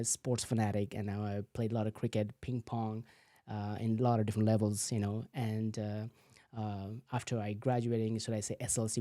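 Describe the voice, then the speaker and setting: A man's voice: fairly low pitch, warm tone, no echo, clean studio sound. A man, a physical therapist telling his story as a guest, full of "you know" fillers. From Nepal. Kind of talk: casual interview answers.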